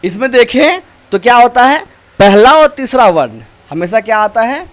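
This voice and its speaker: A male teacher giving a slow, deliberate grammar lesson, reciting letters one by one. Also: very high-pitched, very animated.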